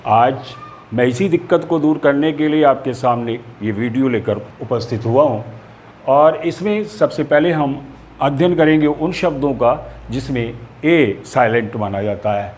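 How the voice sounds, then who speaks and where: A man's voice: medium pitch, darkish tone, a little hiss or hum. A man teaching a lesson, explaining spellings steadily and spelling words out letter by letter.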